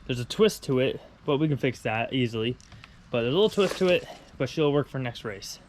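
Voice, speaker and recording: With a congested voice left over from being sick, a vlogger narrates casually as he pulls apart his wrecked race car, rambling and self-correcting while he works. He speaks briskly and expressively at medium pitch, over slight background noise.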